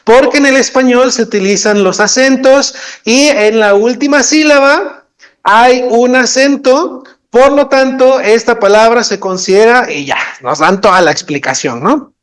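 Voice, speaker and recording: A man's voice: very high-pitched, unhurried, a bit bright, smooth. A man, an interpreter teaching a live training session, explaining patiently and often putting questions to his listeners. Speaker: sign language interpreter and instructor.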